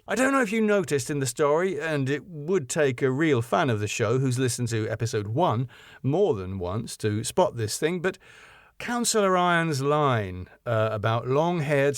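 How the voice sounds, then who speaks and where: A middle-aged British man with a medium-pitched voice narrates a scripted story and then chats through a podcast outro as a jaunty, self-deprecating host. The studio sound is clean, with no room sound.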